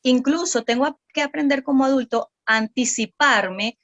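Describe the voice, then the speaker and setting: A woman's voice: high-pitched, moderate pace, fairly bright tone, highs cut off. A woman, a psychopedagogue guest on a podcast, explaining parenting patiently with many fillers and tag questions.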